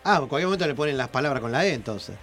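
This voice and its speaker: Fast, joking Argentine man over music. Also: medium pitch, lively intonation. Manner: joking, teasing, quick banter. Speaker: radio panelist. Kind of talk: casual radio chat. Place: radio studio.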